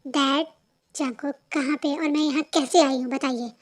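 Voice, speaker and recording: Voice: high-pitched, fairly even intonation, normal speed, close to an everyday voice. A reader doing a headstrong lovestruck young woman. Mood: pleading. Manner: pleading then shouting. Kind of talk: amateur voiced fan story.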